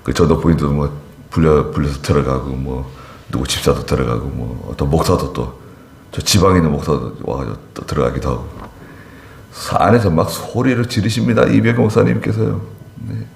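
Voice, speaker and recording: A male pastor preaching a sermon in an emphatic, animated way, often turning to the congregation with asides. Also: rumbling low, a little fast, vocal fry. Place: church sanctuary. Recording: echoey church hall.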